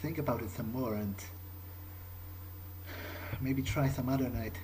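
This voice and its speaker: An unhurried man with a medium pitch and a slightly mellow quality speaks on a low-quality recording with slight background noise. Improvising as a guilt-ridden, brooding young vampire, this let's player hesitates and repeats his words over video game ambience.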